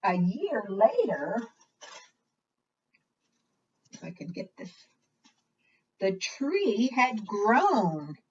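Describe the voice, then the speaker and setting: This read-aloud for young children comes from a woman whose medium-pitched, darkish, slightly rough voice swings widely in pitch as she reads extremely slowly with long pauses. She leads a preschool storytime, reading expressively and quizzing her little audience, captured in dull lo-fi audio.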